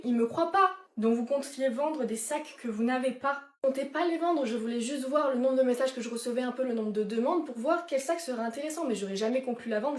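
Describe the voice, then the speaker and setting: A young woman tells stories to camera in a lively, chatty way. Her voice sits slightly high. The room around her is noticeably echoey. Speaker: vlogger. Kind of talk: casual storytelling to camera.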